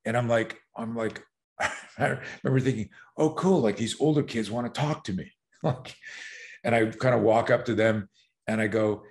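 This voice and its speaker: As a guest on a podcast, a middle-aged man tells an animated story, acting out voices and sounds and laughing often. His voice is mid-range with a darkish tone.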